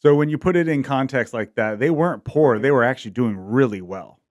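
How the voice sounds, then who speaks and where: A man's voice: mid-range voice, brisk, a little mellow, no room sound, clean studio sound. A man co-hosting a podcast, asking leading questions and joking along. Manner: jokey, asks leading questions. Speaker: co-host. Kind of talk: casual podcast chat.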